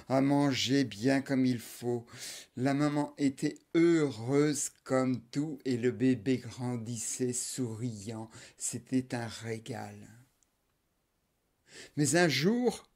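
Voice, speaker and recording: A man telling a folk tale aloud, with rhythmic repetitions and sudden loud outbursts. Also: mid-range voice. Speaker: storyteller.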